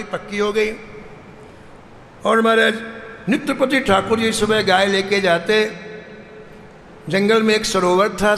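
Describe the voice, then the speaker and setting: Male storyteller-preacher, high voice, long hall reverb. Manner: lively storytelling with rhetorical questions. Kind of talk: devotional storytelling sermon. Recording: echoey hall with faint noise.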